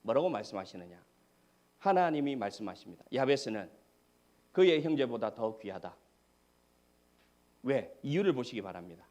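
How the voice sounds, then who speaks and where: A man preaching a sermon as pastor, asking the congregation questions and swinging between shouted climaxes and hushed whispers. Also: mid-range voice, big pitch swings, moderate pace, long pauses. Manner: dramatic preaching, rising to shouts and dropping to whispers.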